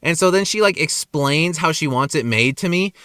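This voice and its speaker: A young adult man vlogging, telling work stories in an animated, profane ranting way. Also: a little high, moderate pace, no room sound, studio quality. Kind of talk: casual storytelling monologue. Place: parking lot at night.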